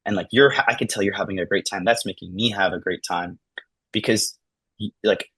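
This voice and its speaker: Low husky man chatting animatedly. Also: brisk, no room sound. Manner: animated, acts out dialogue in lively voices, says "like" and "man" often. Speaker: podcast guest. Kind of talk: casual podcast conversation.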